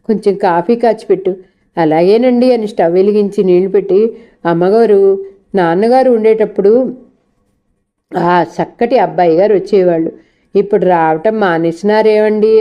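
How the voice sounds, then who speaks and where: A woman's voice: mid-range voice, warm tone. A woman reading a novel aloud as a storyteller, shifting her voice a little for each character's lines. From India. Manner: reads dialogue with small shifts of voice and pace.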